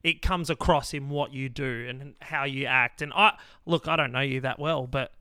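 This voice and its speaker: A man's voice: mid-range voice, fairly even intonation, normal speed, sharp tone, clean tone, no room sound, clean studio sound. A man co-hosting a faith podcast, speaking earnestly and encouragingly, often restarting his words. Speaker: podcast co-host. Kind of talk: casual faith podcast chat.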